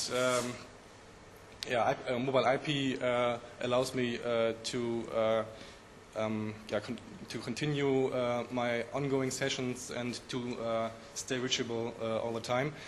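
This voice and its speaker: A man with a croaky, hoarse voice from a flu, giving a technical conference presentation with many pauses and fillers. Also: medium pitch, level tone, slight background noise. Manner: halting, many ums and uhs. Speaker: conference speaker.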